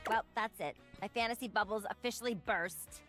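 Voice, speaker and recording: An actress playing an aloof, brooding beauty in a video game, exasperated, sighing and dismissive. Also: female voice, mid-range voice, brisk, fairly bright tone, faint music behind, lightly acted. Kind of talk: video game character acting.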